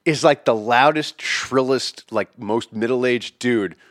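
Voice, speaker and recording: A man co-hosting a podcast, telling a story loudly with lots of swearing and shouted bits; he says he is deaf. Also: mid-range voice, slow, no room sound, clean studio sound. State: hard of hearing. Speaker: podcast co-host. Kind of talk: casual chat.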